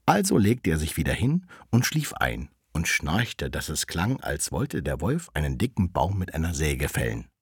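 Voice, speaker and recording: Deep, lively fairy-tale narrator. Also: male voice, normal speed, few pauses. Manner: expressive, animated storytelling. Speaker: storyteller.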